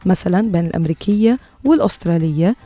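Brief: woman host, rapid scripted narration, low and warm. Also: animated, no echo, soft background music. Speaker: podcast host.

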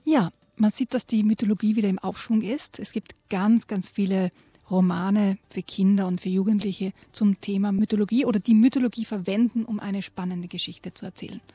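A woman co-hosts a podcast on children's books, speaking thoughtfully with a few pauses. Her voice is husky and mellow, recorded close in a dry space. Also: medium pitch, fairly even intonation, dry recording. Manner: thoughtful, hesitant with fillers. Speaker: podcast co-host and reader. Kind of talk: casual podcast talk.

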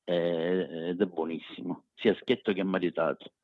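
With a low voice, little pitch movement, and a measured pace, a street food cook speaking with a Sicilian accent chats as a casual interview guest. He's emphatic, keeps repeating words for emphasis, and the recording is echoey, dull, and lo-fi.

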